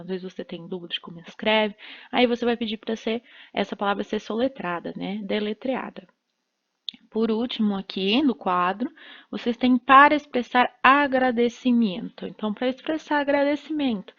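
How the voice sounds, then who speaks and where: A woman's voice: on the high side, lo-fi sound. A woman teacher giving a recorded lesson, explaining step by step and often checking in with short tag questions. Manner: explains slowly, checks in with "né?" and "certo?".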